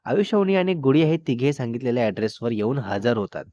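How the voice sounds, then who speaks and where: A man's voice: mid-range voice, big pitch swings, brisk, warm tone, dry recording, dull audio. Man narrating a romance audio story. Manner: simple recounting, sprinkling English phrases.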